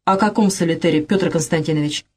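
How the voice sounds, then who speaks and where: Woman reading a scheming suitor: haughty, insistent, husky. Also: fairly low pitch, fast, a little mellow. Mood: indignant. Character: scheming gentleman suitor, proud and commanding.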